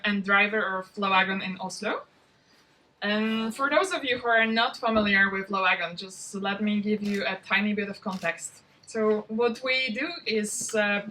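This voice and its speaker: A woman who founded the bootcamp, welcoming an audience and introducing its students in a relaxed way, with frequent ums. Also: mid-range voice, distant mic, poor audio. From from outside Norway. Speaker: bootcamp founder hosting a demo day. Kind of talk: event welcome speech. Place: event venue, spoken to a live audience.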